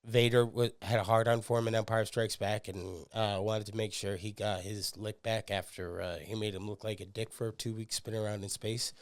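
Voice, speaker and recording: A man talks casually and excitedly as a podcast host, swearing freely and leaning on "uh" and "um" between thoughts. His voice is smooth and resonant, recorded dry and close with almost no room sound. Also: on the low side, dry recording. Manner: excitable, swearing, frequent fillers. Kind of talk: casual fan commentary.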